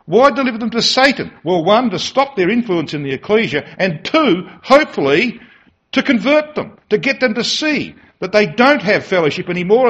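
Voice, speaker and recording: Animated man preaching, dull lo-fi recording. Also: high-pitched. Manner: emphatic, uses rhetorical tag questions. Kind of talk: sermon.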